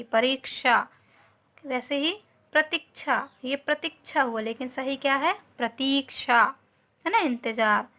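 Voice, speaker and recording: A woman's voice: high-pitched, pushed and bright. A woman teacher giving a grammar lesson to young children, patiently explaining each word and saying "okay" often.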